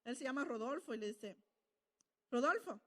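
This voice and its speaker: A woman's voice: high voice, moderate pace, long reverb tail. A woman preaching a sermon, telling stories and asking the congregation questions she answers herself. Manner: storytelling, asks the congregation questions and answers them.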